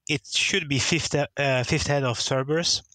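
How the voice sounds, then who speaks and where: A man's voice: mid-range voice, steady tone, a little slow, bright, forceful tone, no room sound. Hesitant man from Turkey. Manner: hesitant, many fillers and restarts, laughs easily. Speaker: guest, listener. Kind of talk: casual interview over a call.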